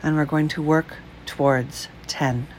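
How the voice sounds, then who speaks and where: A woman leading a guided breath meditation, speaking slowly, calmly and softly. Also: deep voice, a little hiss or hum, poor audio. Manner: slow, calm, soft-spoken.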